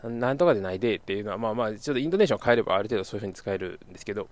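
Young guy from kyoto hosting his podcast, faint kansai lilt, rambly, kinda low. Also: very fast, no echo. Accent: slight Kansai intonation. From Kyoto, Japan. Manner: rambling, self-correcting, chuckles often. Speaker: podcast host. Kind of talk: casual solo podcast chat.

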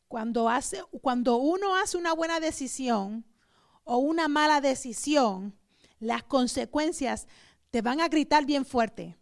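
This woman pastor's voice sits high with vocal fry as she delivers a Pentecostal sermon. She alternates booming emphasis with quiet asides and keeps asking her congregation rhetorical questions.

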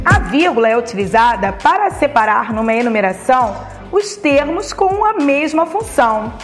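Brazilian woman teacher, high voice, methodical lesson delivery over faint music. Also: very animated, normal speed. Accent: Brazilian Portuguese. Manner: explains step by step, saying each comma aloud. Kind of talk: recorded classroom lesson.

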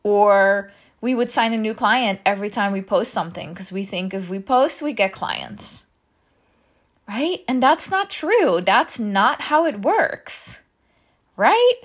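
A woman's voice: mid-range voice, lively intonation, slow pace. A woman in her thirties, a business coach talking casually to her audience, out of breath, chatty and asking "right?" often. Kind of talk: casual teaching talk.

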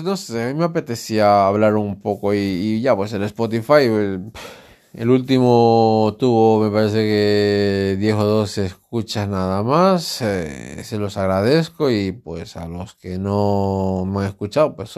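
Rambling, outspoken man from Spain, lowish voice. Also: a little slow, a little mellow, clear, resonant tone. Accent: Spain Spanish. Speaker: podcast host. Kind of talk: casual solo podcast monologue. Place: alone at home.

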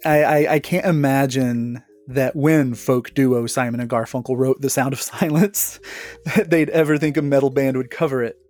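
A man's voice: medium pitch, steady tone, normal speed, a little mellow, soft background music. Playfully argumentative podcast host, man. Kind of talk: casual chat.

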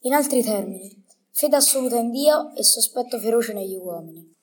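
A woman's voice: a little high, expressive, brisk, a little hiss or hum, natural voice. A woman playing a learned, proud medieval male poet in a scripted radio interview, speaking in a formal, didactic way. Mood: solemn, didactic. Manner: formal, didactic, bookish phrasing.

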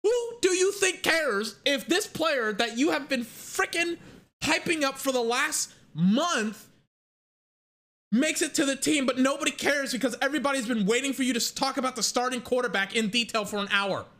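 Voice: high-pitched, a bit bright. A young adult giving a heated, profane sports rant. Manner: angry, profane, fast ranting. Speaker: sports commentator.

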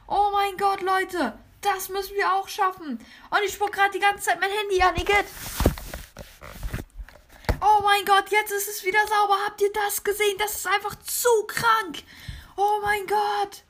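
A woman in an exaggerated high put-on voice, playing an overhyped star YouTuber while narrating a game with constant excited exclamations. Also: a little slow. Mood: hyped. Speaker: let's player. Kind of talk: gameplay let's play.

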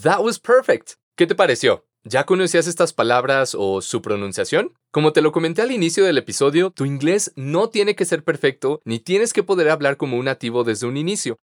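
Lively, encouraging man teaching. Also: a little high, dry recording, studio quality. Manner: patient, encouraging, models words slowly for repetition. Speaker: pronunciation teacher. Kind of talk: podcast language lesson.

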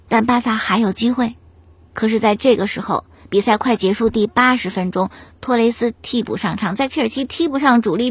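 Female host, casual storyteller; breathy, slightly high voice, dry close sound. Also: no room sound. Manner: chatty, animated storytelling with rhetorical questions. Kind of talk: casual storytelling commentary on football.

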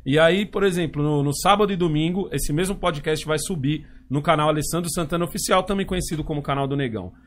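A man's voice: a little high, fast talker, hardly any pauses. A middle-aged man, hosting a casual podcast with his son, slangy and swearing freely. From Brazil. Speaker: podcast host.

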